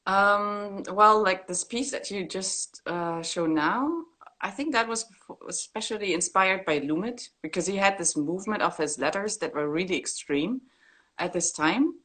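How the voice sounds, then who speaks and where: A woman's voice: mid-range voice, unhurried. A woman from East Germany, chatting candidly about her work in a video-call interview, with many fillers. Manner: relaxed, candid, with frequent fillers and laughs. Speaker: graffiti artist guest. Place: indoor room at home. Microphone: laptop webcam on a video call.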